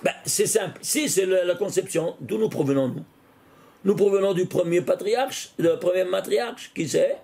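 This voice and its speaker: A man, a rabbi, giving an animated Torah lesson, often exclaiming and putting questions straight to the listener. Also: sits high, moderate pace, vocal fry. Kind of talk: lively spoken Torah lesson.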